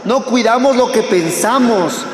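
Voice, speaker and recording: A man preaching a sermon to a live audience, fervent and direct, swinging between loud exhortation and hushed tones. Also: extremely high pitch, lively intonation, measured pace. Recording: echoey hall with long reverb.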